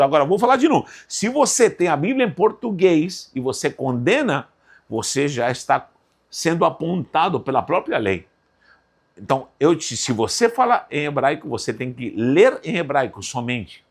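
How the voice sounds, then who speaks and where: Animated Portuguese-speaking man teaching the Bible. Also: a little high, normal speed, husky. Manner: animated, emphatic, addresses viewer as "querido". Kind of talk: informal recorded Bible lesson.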